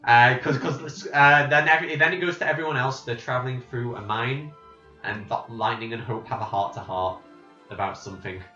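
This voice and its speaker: A man recapping a game's plot from memory in casual chat, rambling and halting, with lots of restarts. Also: mid-range voice, fairly even intonation, pushed and bright, faint music behind. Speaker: podcast host. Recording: roomy, slightly dull home recording.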